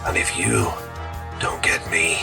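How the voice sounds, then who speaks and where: A man playing a menacing, petty ransom caller in a comedy sketch, in a breathy half-whisper. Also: deep voice, takes it slowly, music in the background, pitched below the performer's own voice, heavily acted.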